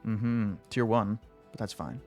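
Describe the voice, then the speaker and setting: Slow, suspenseful male game master. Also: fairly low pitch, level tone, soft background music. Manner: suspenseful storytelling with deliberate pauses. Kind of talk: narrating a tabletop fantasy game.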